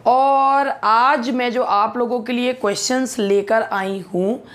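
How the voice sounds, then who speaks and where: Indian female tutor, unhurried and patient, thinks aloud between points. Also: fairly high pitch, steady tone. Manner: slow, explanatory, many hesitations, mixes Hindi and English. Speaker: English grammar teacher. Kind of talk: exam-prep grammar lesson.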